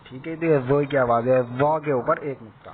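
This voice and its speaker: A man teaching beginners to read Quranic letters, slow and patient, repeating each sound and checking that learners follow. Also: medium pitch. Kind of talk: slow step-by-step lesson. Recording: tinny phone-like audio with faint hiss.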